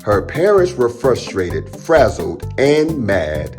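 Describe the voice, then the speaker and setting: A storytime host with a lowish voice reads a rhyming children's picture book aloud, slowly and in an expressive, dramatic storyteller style. Soft music plays in the background.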